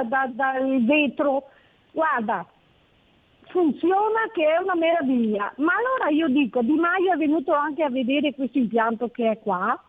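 A woman from Veneto calling in to a radio show over the phone, rambling and stumbling over repeated words. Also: high-pitched. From Veneto, northern Italy. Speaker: radio call-in listener. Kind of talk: casual call-in chat. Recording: tinny phone line.

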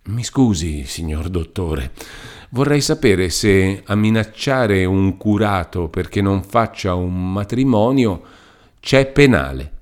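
A man's voice: sits low, expressive, takes it slowly. A man voicing a humble young peasant who speaks hesitantly and apologetically. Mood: timid. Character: humble young male peasant, timid and deferential.

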